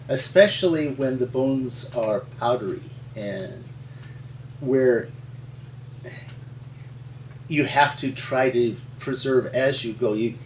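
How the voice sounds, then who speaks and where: Slow and unhurried with long pauses, this medium-pitched man is a Montana paleontologist spinning chuckling, folksy, rambling tales for a storytelling interview. He's the resident paleontologist, recorded at a distance in an echoey room with slight background noise.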